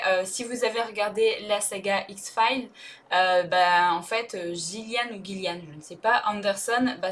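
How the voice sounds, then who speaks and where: A woman's voice: medium pitch, fairly bright tone. A woman book vlogger talking casually about books she wants to read, hesitant and chatty with lots of fillers and restarts. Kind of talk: casual vlog chat.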